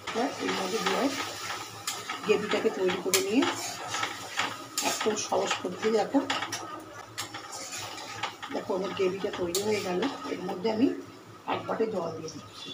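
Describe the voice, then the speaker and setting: A woman's voice: medium pitch, steady tone, normal speed, vocal fry, long pauses. A woman hosting a home cooking video, chatting through each step as she cooks in her kitchen. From Bengal. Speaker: home cooking channel host. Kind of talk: casual cooking demonstration. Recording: echoey kitchen with loud cooking noise.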